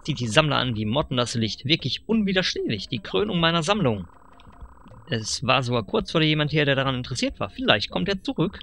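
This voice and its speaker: Guy doing a sly fox salesman, high gravelly voice, laying the flattery on thick, bounces all over. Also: brisk, exaggerated voice. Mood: wheedling. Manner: smooth salesman patter, flattering. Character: sly pushy fox furniture dealer, male.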